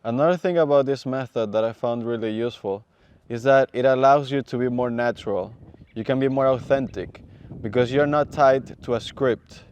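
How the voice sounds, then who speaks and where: A man from Venezuela, a seminarian calmly explaining in a measured, thoughtful way. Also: mid-range voice, smooth. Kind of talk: casual explanation.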